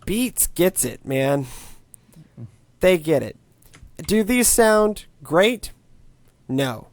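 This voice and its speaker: A man in his late twenties talks tech on a casual podcast. His voice swings widely in pitch as he rambles wryly, often restarting his sentences. The sound is dry and close, with no room around it. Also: very slow, no echo. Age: late 20s. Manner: animated, wry, rambling with restarts. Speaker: podcast co-host, tech commentator.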